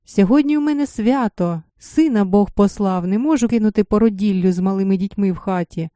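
A woman voicing a peasant father who speaks loudly and emphatically. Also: high-pitched, a little fast, dry recording, studio quality, natural voice. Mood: defiant. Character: joyful peasant father, pleading.

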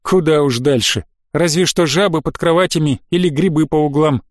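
A man's voice: a little high, moderate pace, no echo, clean studio sound, lightly acted. A man voicing a sulky, sarcastic teenage boy who grumbles dismissively. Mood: grumbling.

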